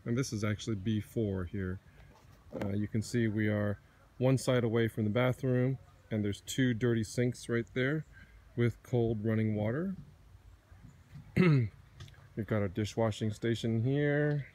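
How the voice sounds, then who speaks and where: Behind a handheld phone, a middle-aged man strolls through his outdoor camp, leisurely pointing out equipment and occasionally correcting himself. His voice is medium-pitched, steady, and dark, with a little hiss or hum on the recording.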